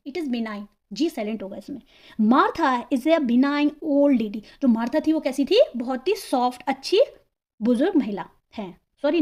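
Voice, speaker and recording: A woman with an Indian English accent, teaching English vocabulary in a mix of Hindi and English and slowly repeating each word. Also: high-pitched, darkish tone, no room sound, clean studio sound. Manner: explains slowly, repeats words and spells out pronunciation.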